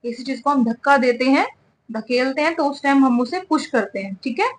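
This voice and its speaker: A woman's voice: high voice, moderate pace. A woman teaching English vocabulary, spelling words out letter by letter and checking in with "ठीक है" over and over. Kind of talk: spoken English lesson.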